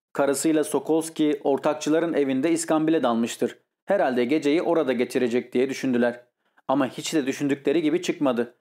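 Male audiobook narrator, fairly high voice. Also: a little mellow. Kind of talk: scripted literary narration.

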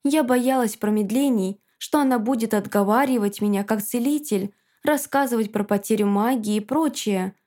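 A woman narrating a first-person fantasy story in a measured, dramatic storytelling manner. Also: a little high, darkish tone. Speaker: audiobook narrator.

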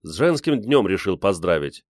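A man's voice: deep voice, big pitch swings, normal speed, no echo, studio quality. A man playing a sly old polar explorer with a teasing manner who spins tall tales. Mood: joking.

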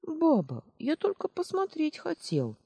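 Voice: sits high, huge pitch swings, measured pace, gravelly, mellow, no room sound, voice pushed up, heavily acted. A reader voicing a guilty five-year-old village boy who pleads and defends eagerly in an audiobook. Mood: pleading. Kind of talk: audiobook character voice.

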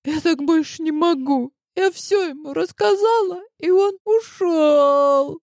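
A sobbing, desperate young mistress, put on by a woman reading aloud, her voice pitched very high and thin with tears. She wails and pleads in an audiobook scene. The sound is dry and close. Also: slow pace, darkish tone, no echo. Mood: tearful. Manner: high-pitched wailing, tearful. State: crying. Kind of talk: audiobook character voice.

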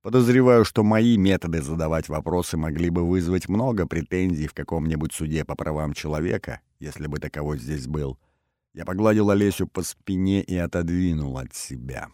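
A man narrating a first-person novel in an expressive reading voice, close to the microphone. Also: sits low, fairly quick, no room sound. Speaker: audiobook narrator.

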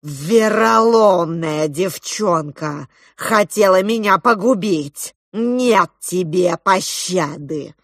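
A woman doing a slow, gloating crab villain. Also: medium pitch, dry recording, clean studio sound, close to an everyday voice. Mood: menacing. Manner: slow, loud, drawn-out menacing delivery.

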